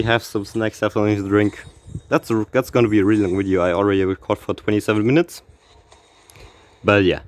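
Excitable man commenting on pack openings. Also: fairly low pitch. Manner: excitable, reads out car names, laughs often. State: slightly out of breath. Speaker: gaming YouTuber.

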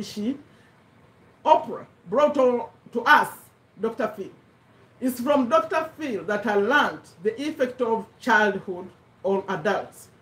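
Woman from Uganda, English as a second language, higher voice, animated speaker, roomy echo, a bit away from the mic. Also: far from the mic. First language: not English. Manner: animated, talks with her hands, repeats points for emphasis. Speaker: host of a live business talk. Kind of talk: casual motivational talk. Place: home room with a bookshelf, indoors. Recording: echoey room, voice a little off-mic.

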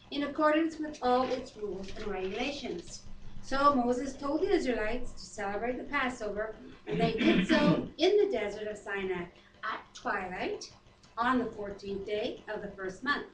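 In a wood-paneled dining room at home, a middle-aged woman leads prayer and scripture reading between bits of casual talk, laughing readily and joking at her own expense. Her voice is a little high. The far-off camera makes it sound roomy and distant, with a little hiss or hum.

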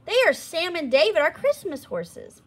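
A woman's voice: very high-pitched, huge pitch swings, moderate pace, soft background music, exaggerated voice. A woman reading aloud and voicing an outspoken young pioneer girl in an eager, raised childlike voice.

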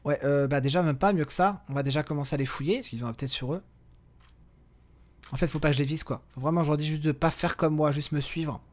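A man's voice: fairly high pitch, fast talker. A man giving casual let's-play commentary as a gaming video host, chatty and often correcting himself as he talks to viewers and his in-game companions. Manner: drops to a hushed voice while sneaking.

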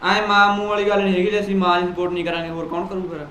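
A man's voice: high voice, monotone, racing, fairly bright tone, reverberant, a little hiss or hum. An actor playing a young man who reproaches his brother's wife for fighting with his mother, with a Punjabi accent. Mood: confrontational. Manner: reproachful, pushy. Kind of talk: short-film acting.

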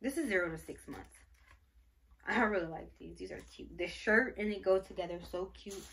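A woman's voice: mid-range voice, moderate pace, a bit bright. A pregnant young woman vlogging casually, gushing over baby clothes in a rambling way with many fillers. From Michigan, United States. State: pregnant, briefly out of breath. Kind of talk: casual baby haul show-and-tell.

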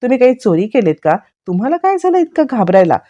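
A woman's voice: fairly high pitch, big pitch swings, quick pace, dark tone, dull audio, voice pushed up. A woman voicing a sly young woman who teases an elderly relative. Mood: probing.

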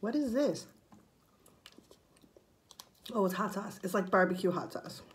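A woman's voice: medium pitch, expressive, unhurried, a little hiss or hum. A woman in her thirties chatting casually about food, talking with her mouth full as she chews. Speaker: vlogger eating on camera. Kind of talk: casual chat, mukbang food tasting. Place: room indoors at a table.

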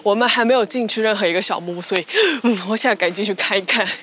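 Racing along at medium pitch against a noisy background, a young adult vlogger shows off a rental house room by room and then its wooded backyard cabins. Her house-tour talk is chatty and upbeat, sprinkled with English words.

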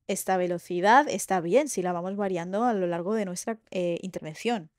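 Woman teacher giving a recorded lecture, lively, keeps asking vale, dry close mic. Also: medium pitch, no echo. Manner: lively, explains with checks like "¿vale?" and "¿sí?". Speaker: university lecturer.

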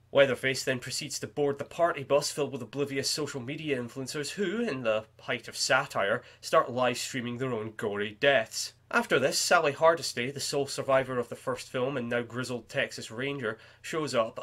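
A man's voice: mid-range voice, a bit bright. A man reading a scripted film review in a sardonic, wry manner.

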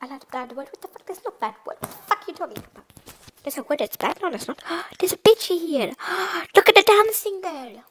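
High, bratty swearing young woman. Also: expressive, a little fast, a bit bright, a little hiss or hum, rough recording. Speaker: gamer. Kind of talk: comedic game commentary.

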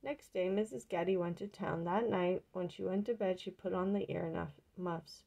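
A woman reading a picture book aloud in plain, unhurried storybook narration. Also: on the low side, steady tone, gravelly, dark tone.

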